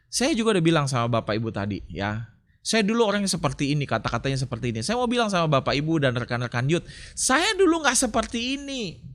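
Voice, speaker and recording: A man's voice: fairly high pitch, fast talker. A middle-aged man who is a pastor, preaching a sermon and telling personal stories to the congregation. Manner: storytelling, animated when telling anecdotes; addresses congregation as Bapak Ibu.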